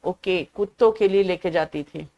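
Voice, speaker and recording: A woman's voice: lowish voice, normal speed, highs cut off. A woman teaching an online exam-prep class, chatty and drowsy from cold medicine, mixing English words into her talk and answering students by name. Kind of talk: live online class, explaining an English comprehension passage.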